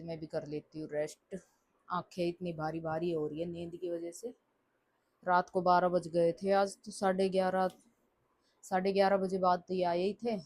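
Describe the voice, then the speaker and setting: Lower-pitched woman chatting through her day. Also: darkish tone. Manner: chatty, addresses viewers as guys, narrating her chores. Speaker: home vlogger and mother. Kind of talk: casual daily-routine vlog narration.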